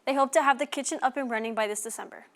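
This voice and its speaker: A young woman with a fairly high voice reads a scripted news report. She is a student reporter who sometimes trips over and repeats words. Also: very fast, a bit bright. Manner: stumbles and repeats words while reading.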